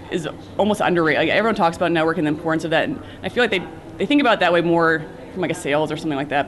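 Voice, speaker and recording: A man with a fairly high voice, working in cybersecurity, offers sincere advice during a conference interview. His speech is full of fillers and restarts.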